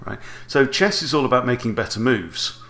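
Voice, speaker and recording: A man's voice: medium pitch, animated, normal speed, sharp tone. A man in his forties giving explanatory chess commentary as an instructor, talking through options with rhetorical questions.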